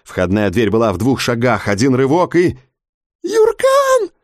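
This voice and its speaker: A man's voice: medium pitch, animated, moderate pace, no echo, studio quality. A man giving tense, vivid dramatic audiobook narration.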